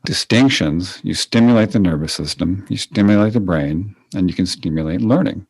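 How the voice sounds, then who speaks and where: A man co-hosting a podcast as a Feldenkrais teacher, explaining ideas in a relaxed way with fillers. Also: low-pitched, moderate pace, husky, no echo, low-quality recording. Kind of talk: casual conversation.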